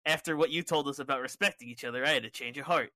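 A man's voice: mid-range voice, racing, pushed and bright, no room sound, close to an everyday voice. A man voicing a friendly, upbeat male puppet buzzard.

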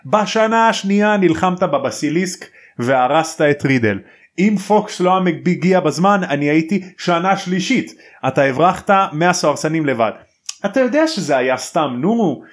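A man's voice: fairly high pitch, lively intonation, voice pushed up, natural voice. A man putting on an eager teenage schoolboy. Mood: excited. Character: teenage schoolboy wizard, excited and loyal.

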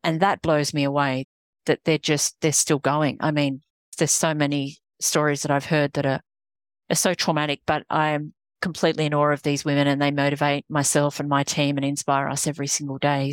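Low-voiced Australian woman, earnest. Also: level tone, fairly quick, clean tone, no room sound. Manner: earnest, rambling with frequent restarts. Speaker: guest, executive coach. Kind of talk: casual interview conversation.

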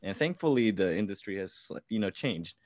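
A man with a fairly low, slightly mellow voice and lively intonation speaks at a moderate pace in a dry recording. A songwriter and musician, he was born in the Philippines, grew up in California, and gives relaxed interview answers with many fillers and restarts.

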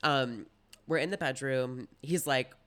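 A man's voice: medium pitch, unhurried, fairly bright tone, clean tone. A young adult man chatting casually in a sassy, dramatic drag-queen manner, telling gossipy stories in a campy way. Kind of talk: casual gossipy storytelling chat.

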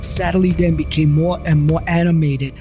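A man's voice: on the high side, fairly even intonation, moderate pace. A man narrating a paranormal detective story in the first person, with a wry, joking delivery over background music.

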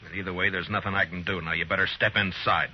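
Deep-voiced, stern Old West marshal played by a man. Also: steady tone, quick pace, close to an everyday voice. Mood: resigned. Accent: American. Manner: terse, firm, plain-spoken. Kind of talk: old radio western acting. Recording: muffled, noisy vintage radio recording.

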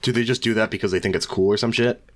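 A man's voice: fairly low pitch, fairly even intonation, rapid-fire, fairly bright tone, a little hiss or hum. A young man chatting casually as a podcast co-host, with crude, teasing, swear-heavy frat-bro slang. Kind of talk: casual chat.

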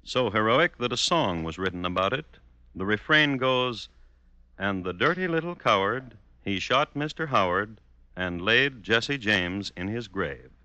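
A man giving scripted old-time radio narration, measured and dryly ironic. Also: lowish voice, expressive, bright, forceful tone, no room sound. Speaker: host and narrator.

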